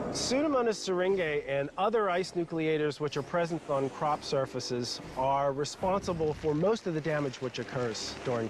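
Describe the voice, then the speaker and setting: A male scientist explaining things in a measured, precise way for a nature documentary. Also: fairly high pitch. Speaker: scientist expert. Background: music under the voice.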